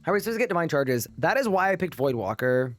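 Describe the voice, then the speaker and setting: A man's voice: fairly high pitch, sing-song, fast, a bit bright, soft background music. A sleep-deprived man streaming a game live, chatting casually and reading his chat aloud.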